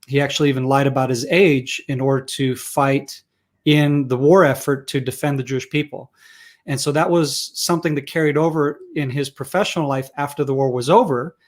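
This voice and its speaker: A man's voice: medium pitch, steady tone, a little fast. A middle-aged man born and raised in Israel, talking through his story as an interview guest, with lots of restarts and fillers. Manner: rambling, frequent restarts and fillers. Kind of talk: conversational interview.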